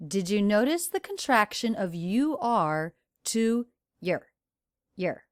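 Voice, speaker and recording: A woman pronunciation teacher narrating a lesson very deliberately, repeating each sound. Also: mid-range voice, big pitch swings, dry recording, clean studio sound.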